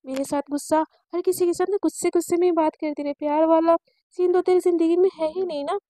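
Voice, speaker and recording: A woman's voice: very high voice, fairly even intonation, quick pace, dark tone, no echo. Woman voicing a cheeky, teasing student girl.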